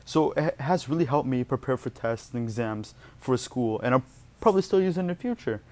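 In a warm, expressive, medium-pitched voice and at a slightly fast pace, a young student vlogger whose first language is Portuguese shares study tips. His casual vlog is chatty and rambling, and he keeps correcting himself mid-word.

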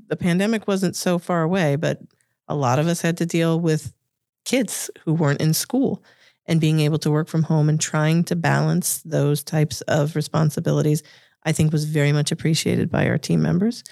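Boston accent lady giving thoughtful interview answers, kinda creaky voice, really dry sound. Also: low voice, a little mellow, no room sound. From Revere, Massachusetts, United States. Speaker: interview guest, corporate lawyer.

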